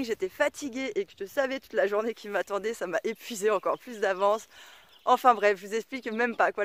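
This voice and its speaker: Expressive, slangy woman telling a story. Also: a little high, no echo. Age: adult mother of a son. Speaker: vlogger. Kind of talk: casual storytelling to camera.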